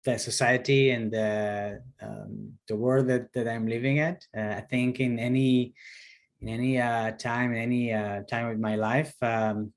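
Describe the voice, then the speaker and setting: A man in his thirties with an Israeli accent, a startup founder answering interview questions, pausing often with fillers and restarts. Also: mid-range voice, little pitch movement. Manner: hesitant, many fillers and restarts. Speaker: startup CEO guest. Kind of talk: video call interview.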